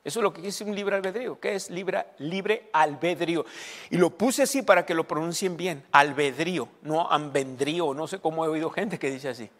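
Man, pastor, sermon teaching, higher voice, halting repeats, long hall reverb. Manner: halting, repeats words, asks the congregation questions.

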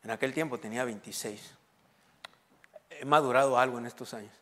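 A man's voice: medium pitch, fairly quick, a bit bright. Joking Mexican pastor in his forties. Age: 40s. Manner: humorous storytelling, joking with the congregation. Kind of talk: sermon.

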